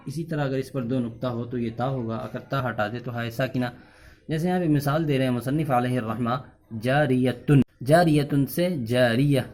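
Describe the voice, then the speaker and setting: A man's voice: mid-range voice, a little mellow, slight background noise. A man from Bihar, India, teaching Quran reading, who patiently explains each rule step by step and has learners repeat after him. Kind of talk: teaching lesson.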